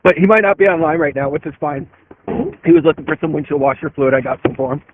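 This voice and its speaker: A man talking trucker CB radio chatter, calling out handles on the channel in a relaxed, casual way over a radio transmission. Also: on the high side, fast, noisy background. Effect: tinny CB radio transmission. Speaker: convoy participant on the radio channel. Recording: tinny narrow-band radio, dry.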